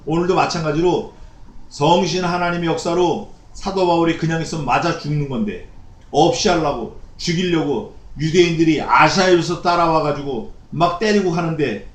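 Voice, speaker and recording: A man with a high voice preaches through a passage of scripture. He keeps putting questions to the congregation and answering them himself. His voice rings around a roomy church sanctuary. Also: moderate pace. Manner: acts out the figures in quoted shouts. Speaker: pastor. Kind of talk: expository sermon.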